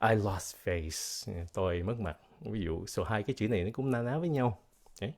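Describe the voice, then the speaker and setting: A man teaching English vocabulary in a bilingual lesson, explaining words slowly and repeating pronunciations, switching between English and Vietnamese. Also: lowish voice, a little mellow. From United States.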